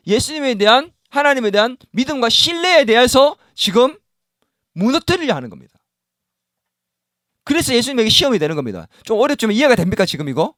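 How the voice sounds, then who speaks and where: A man's voice: very high voice, a bit bright, dry recording, studio quality. A male pastor preaching a sermon in a church, often asking the congregation questions and acting out the words of doubting believers. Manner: voices doubting believers in first person. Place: church sanctuary.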